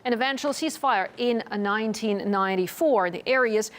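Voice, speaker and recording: A woman's voice: mid-range voice, a little fast, fairly bright tone. A woman presenting scripted television news as an anchor. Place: TV studio.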